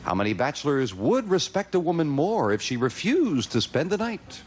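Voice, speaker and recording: High-pitched, animated man hosting a game show. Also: normal speed. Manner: animated, reads out questions and calls outcomes. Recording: noisy TV studio with loud audience. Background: studio audience crowd noise.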